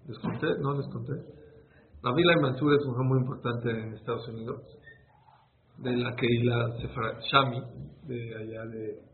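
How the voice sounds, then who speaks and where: A man's voice: mid-range voice, steady tone, moderate pace. A man giving an informal religious lesson to a small group, telling stories and answering questions as he goes. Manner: conversational, storytelling, answers listeners' questions. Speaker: rabbi teaching a class. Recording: tinny phone-like sound with faint noise.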